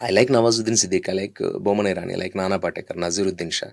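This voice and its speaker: Guy, fast and lively storytelling, lowish voice, dry close sound. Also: creaky, no room sound. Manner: animated, lively storytelling, rising to loud bursts. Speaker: actor and comedian. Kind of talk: casual interview.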